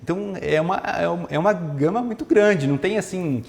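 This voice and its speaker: A man's voice: high-pitched, fairly quick, gravelly, darkish tone, big-room sound. A man, a nutritionist guest, explaining feeding ideas in a casual interview, often ending phrases with a questioning tag. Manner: explanatory, frequent "né?" tags. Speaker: maternal and child nutritionist guest.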